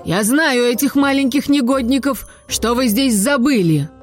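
A woman voicing a gruff, angry grown-man gardener who grumbles and barks orders in a storybook reading. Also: sits high, normal speed, faint music behind, pitched above the performer's own voice, close to an everyday voice.

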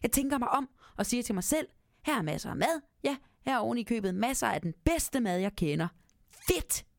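Woman doing a squeaky stubborn mouse. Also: sing-song, gravelly, dry recording, studio quality. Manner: squeaky, stubborn, cries out in panic. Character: cheeky squeaky male field mouse.

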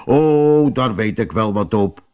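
A man voicing a cunning, easygoing male shoemaker who talks calmly and slyly. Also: fairly low pitch, slow pace. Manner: calm, sly and friendly.

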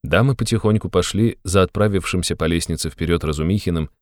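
A man narrating a classic novel as an audiobook in a measured, even manner. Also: low voice, no echo, studio quality.

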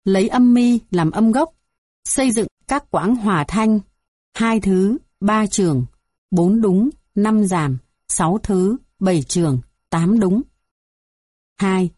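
A woman reading a music theory textbook aloud in an even, measured way, going through numbered items. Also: medium pitch, no room sound, clean studio sound. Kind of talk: scripted textbook narration.

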